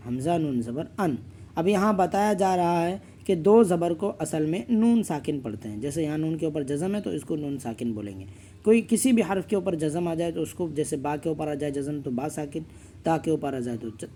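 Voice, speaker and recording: High-voiced man drilling letter sounds. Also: dark tone, slight background noise. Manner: drills each letter slowly, then explains rules quickly. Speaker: Quran reading teacher. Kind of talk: slow letter-by-letter recitation lesson.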